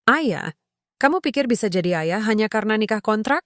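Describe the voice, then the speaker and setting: A woman's voice: mid-range voice, lively intonation, a little fast, fairly bright tone, no room sound, studio quality, pitched above the performer's own voice, close to an everyday voice. A woman voicing an arrogant, scornful man who talks in a mocking, sneering way, read as a story. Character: arrogant scornful man, the girl's estranged father.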